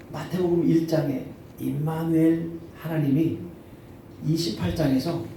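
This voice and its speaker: Brief: middle-aged male pastor, halting storyteller, deep dark tone, echoey church hall from far off. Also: vocal fry, a little hiss or hum. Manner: storytelling, halting with many fillers. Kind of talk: sermon. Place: church sanctuary.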